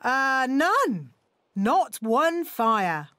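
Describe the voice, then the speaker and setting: A woman voicing a fussy, excitable lady rabbit firefighter in a children's cartoon, emphatic and officious. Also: high-pitched, very slow, no echo, clean studio sound, exaggerated voice. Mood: chatty.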